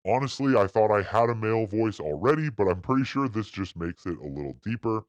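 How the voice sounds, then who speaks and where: A man speaking through a voice-changer effect that deepens his voice, talking casually and amused. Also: expressive, fairly quick, no room sound. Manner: casual, amused demo talk.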